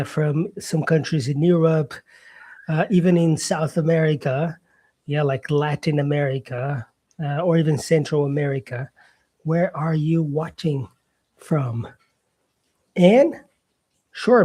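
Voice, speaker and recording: A man's voice: fairly high pitch, dark tone. A man from Brazil teaching English on a casual live stream, chatting with viewers and answering their comments.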